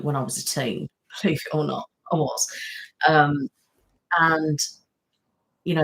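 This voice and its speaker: A middle-aged British woman who hosts an ASMR channel chats casually on a live stream, answering viewers and rambling with lots of fillers. She has a low, slightly bright voice with a British English accent, captured in a low-quality recording.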